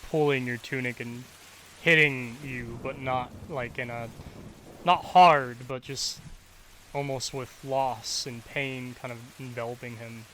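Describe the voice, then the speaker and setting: A man narrating as game master, halting with frequent fillers. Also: medium pitch, bright, forceful tone, a little hiss or hum, poor audio. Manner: hesitant with many fillers.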